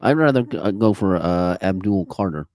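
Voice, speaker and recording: Low-voiced sarcastic sports co-host, man. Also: lively intonation, moderate pace, darkish tone, no echo, studio quality. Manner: teasing, sarcastic asides. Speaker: podcast co-host. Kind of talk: casual sports podcast chat.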